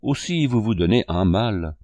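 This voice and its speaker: A man's voice: lowish voice, expressive, measured pace, dark tone, no echo. A man reading the part of a curious, easily charmed provincial widow who speaks in plain, wondering remarks.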